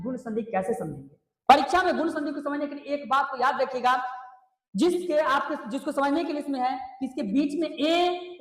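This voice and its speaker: A man's voice: very high voice, a bit bright. A man teaching Hindi grammar for exams, drilling rules by asking questions and answering them himself. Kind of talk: exam coaching lesson. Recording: echoey room.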